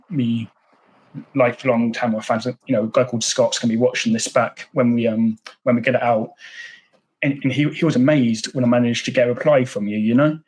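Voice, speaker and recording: A man's voice: mid-range voice, darkish tone, low-quality recording. A man hosting a football podcast, chatting enthusiastically as a fan and often repeating words as he goes. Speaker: podcast host. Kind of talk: casual interview.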